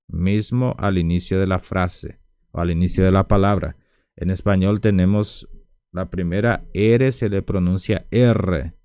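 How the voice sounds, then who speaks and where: A man's voice: low-pitched, warm tone, no room sound, clean studio sound. A man teaching a language lesson at a whiteboard, speaking patiently and repeating words for practice.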